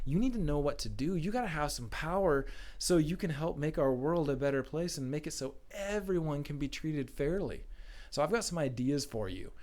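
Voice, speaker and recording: A man's voice: a little high, a little mellow. A man leading a recorded school assembly for young children, speaking in a friendly, encouraging, simple way.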